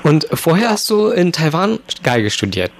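A man's voice: on the high side, sing-song, normal speed, a little hiss or hum. Conversational male radio interviewer. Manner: friendly, conversational questioning.

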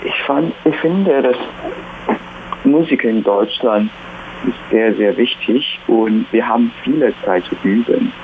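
Young man speaking haltingly on a phone line. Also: mid-range voice, a little hiss or hum. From Taiwan. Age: young adult. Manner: halting non-native speech, many pauses. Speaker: music student. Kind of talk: phone interview.

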